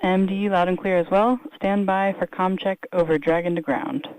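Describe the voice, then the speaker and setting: A woman with a fairly low voice talks over astronaut radio. She works as a launch controller, making formal, procedural comm check calls. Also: steady tone, moderate pace, a little mellow, no room sound, poor audio. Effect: radio transmission. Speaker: launch mission director on comms.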